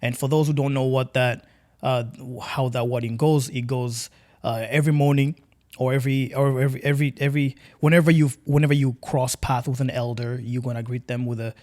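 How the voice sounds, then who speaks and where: A man's voice: mid-range voice, fairly even intonation, a little fast, a little mellow. Earnest young man from Tanzania. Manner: earnest, repeats words while searching for phrasing. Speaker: podcast guest. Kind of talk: casual podcast conversation.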